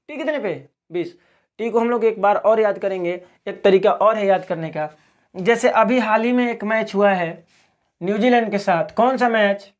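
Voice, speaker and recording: A man teaches a video lesson. He fires off quick questions and answers them himself in a steady classroom drill. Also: sits high. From Bihar, India.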